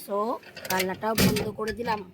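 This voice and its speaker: A woman with a hoarse voice chatting directly to her viewers in a casual home vlog, filmed on a handheld phone. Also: mid-range voice, fairly even intonation, moderate pace, heavy background noise. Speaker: vlogger. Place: at home, indoors and on a balcony.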